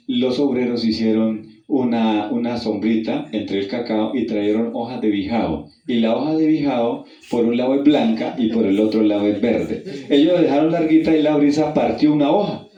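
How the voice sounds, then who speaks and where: Man preaching, mellow voice, dynamic delivery from hushed to loud, calls listeners brother, heard from a distance. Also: moderate pace, lo-fi sound. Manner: addresses listeners directly as brother, asks them questions; swings from hushed and low to loud and high when reading scripture. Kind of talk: evangelistic sermon with personal story. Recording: roomy, distant mic.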